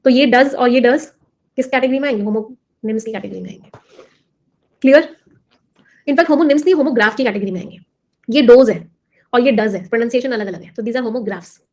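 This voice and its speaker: A woman teacher with a slightly high voice runs an exam-prep lesson. She explains in Hindi mixed with words and keeps putting questions to her students. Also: fairly quick. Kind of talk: classroom lesson.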